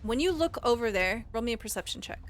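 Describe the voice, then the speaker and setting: A woman's voice: a little high, animated, fast talker. Woman game master, descriptive, music behind. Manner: descriptive, suspenseful storytelling. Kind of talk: narrating a tabletop roleplaying game.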